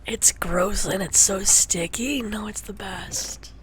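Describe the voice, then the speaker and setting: A tired young woman chatting while playing a game, teasing her partner and often dropping into soft whispers and little sung bits. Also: medium pitch, slow pace, a little hiss or hum. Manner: teasing and playful, drops to soft whispers, hums little songs. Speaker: streamer. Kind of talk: casual gaming chat.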